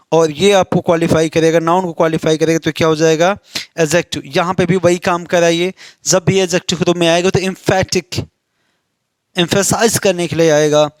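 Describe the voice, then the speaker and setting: A man with an Indian accent teaching an exam-prep English grammar lesson. He asks questions and answers them himself, and reads the example sentences out slowly. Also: on the high side, dry recording.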